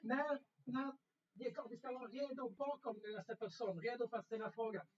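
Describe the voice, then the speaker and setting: A man with a high voice hurries a group of students through a rehearsal. His instructions are brisk and full of restarts. He is recorded from a distance, and the sound is dull and lo-fi. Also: fairly even intonation, a little hiss or hum. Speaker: teacher coordinating a radio contact rehearsal. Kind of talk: instructing students, mixing Swedish and English. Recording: lo-fi, distant from the mic.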